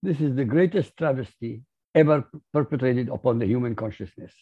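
Husky man with an Arabic accent. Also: mid-range voice, fairly quick. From Iraq. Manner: emphatic, lecturing. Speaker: guest. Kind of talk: interview. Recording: muffled lo-fi audio.

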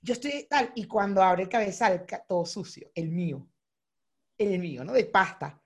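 A woman's voice: on the low side, normal speed, breathy edge. A Venezuelan woman telling a story in casual, slangy chat, acting out the scenes as she goes. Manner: animated, slangy, acts out scenes.

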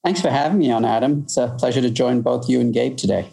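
A middle-aged man with a deeply gravelly, husky voice answers interview questions. He is measured and reflective and leans on "you know." He was born in Malaysia and grew up in the UK. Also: mellow, poor audio. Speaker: guest, future-of-work consultant.

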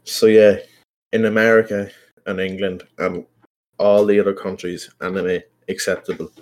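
Young man, Irish accent, lowish voice, podcast host, casual solo chat, rambling and sweary. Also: level tone, normal speed, darkish tone, poor audio. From Ireland. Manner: informal, sweary, self-conscious rambling.

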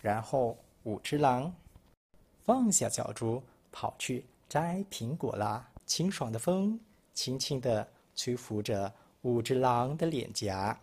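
A man from Malaysia narrating a children's picture book, expressive storytelling. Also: mid-range voice, slow pace, background noise.

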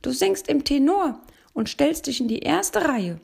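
Storybook figure: shrill, bossy nightingale choir leader, very high and loud, gravelly edge; a woman reads it. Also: lively intonation, measured pace, exaggerated voice. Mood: commanding. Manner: commanding, barking orders.

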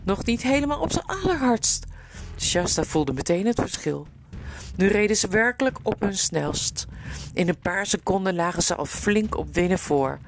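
Expressive woman reading a storybook aloud. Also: mid-range voice, moderate pace, slight background noise. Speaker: narrator.

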